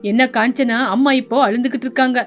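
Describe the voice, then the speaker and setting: A woman voicing a tired, stern young husband who lectures impatiently in an animated story. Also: on the high side, fast talker, soft background music, close to an everyday voice. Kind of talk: storybook voice acting.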